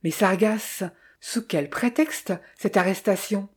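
A woman's voice: mid-range voice, slow pace, a little mellow, breathy edge. A woman reading as an anxious young fiancée. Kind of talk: audiobook dialogue reading.

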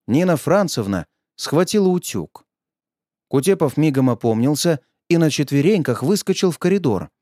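Expressive male audiobook narrator. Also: a little high, dry recording, studio quality. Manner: expressive storytelling.

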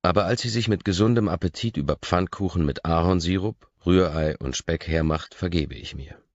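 A man reading a first-person audiobook narration in a measured, intimate, low-key manner. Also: lo-fi sound.

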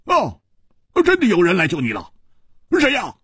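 A male storyteller voicing a brash, boisterous young swordsman who shouts and stammers excitably. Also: high-pitched, normal speed, slightly rough, no echo, studio quality, voice pushed up, heavily acted. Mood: puzzled.

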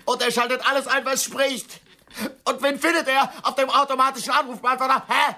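A woman's voice: high-pitched, flat delivery, a little fast, sharp tone. An actress playing an overwrought, self-pitying woman who sees herself as the clown among her friends, ranting theatrically in a radio drama.

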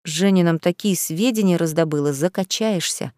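A woman's voice: lowish voice, normal speed, mellow, no echo, natural voice. Jovial young male cop, voiced by a woman, chummy and easy, dry close sound.

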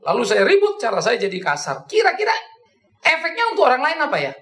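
Animated male preacher in an echoey church. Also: very high voice, quick pace. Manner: animated, jumps between soft and loud; jokes and acts out his own past quarrels. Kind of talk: sermon.

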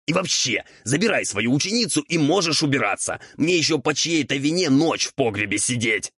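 A man doing an old ghoul, husky, raised voice, swooping indignant whine, sly. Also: medium pitch, animated, a bit bright, no echo, studio quality, voice pushed up. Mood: squabbling. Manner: quick, indignant squabbling. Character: old bickering male ghoul mentor, sly and whiny. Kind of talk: audiobook character voice.

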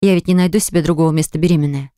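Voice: mid-range voice, steady tone, very fast, warm tone, no room sound, studio quality, lightly acted. A reader voicing a hurt, indignant young pregnant woman who reproaches her fiancé in an audiobook. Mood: pleading.

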